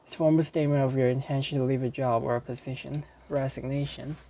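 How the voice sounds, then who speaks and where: A man, an English learner, reading dictionary entries aloud. His reading is careful and halting, he corrects himself, and he spells words out letter by letter. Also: medium pitch, fairly even intonation, warm tone.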